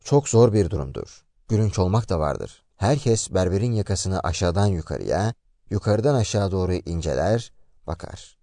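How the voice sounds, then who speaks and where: A man retelling a story aloud in a lively, expressive way. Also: low voice, normal speed, no echo, clean studio sound. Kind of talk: narrated story summary.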